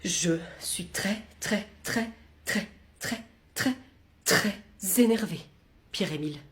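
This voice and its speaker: A woman acting a comic sketch with a stern, hushed delivery. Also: mid-range voice, lively intonation, slow pace.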